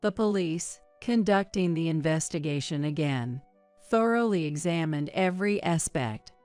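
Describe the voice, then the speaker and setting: Casting: woman narrator, low and dry, with soft music under her. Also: lively intonation, moderate pace, smooth, dry recording. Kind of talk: scripted narration.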